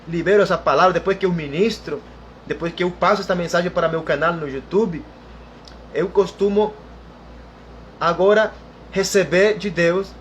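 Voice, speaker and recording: A man with a rather high voice delivers a sermon, repeating key phrases and calling on his listeners as brothers. His emphatic preaching carries over a faint background ambience. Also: a little hiss or hum. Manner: repetitive, emphatic preaching with frequent "irmão" and "aleluia".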